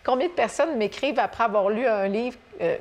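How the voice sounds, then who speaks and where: A woman speaking with a Québécois accent tells personal stories as a talk show guest. She rambles warmly through fillers and false starts, eager and animated. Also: fairly high pitch, a little fast, dull audio, a little hiss or hum. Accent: Québécois French. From Quebec. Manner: animated storyteller, many fillers and restarts. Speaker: guest author. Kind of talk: casual conversation on a talk show.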